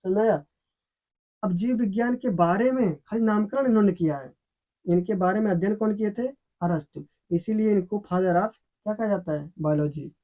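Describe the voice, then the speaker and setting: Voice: mid-range voice, moderate pace. A teacher giving an explanatory science lesson who asks questions, answers them, and repeats the key terms. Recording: dull, lo-fi recording.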